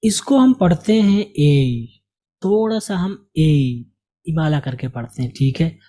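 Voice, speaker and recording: With a warm, fairly high voice and lively intonation, a man goes slowly through English letters. The lesson is patient and repetitive, and he questions the learner before answering himself.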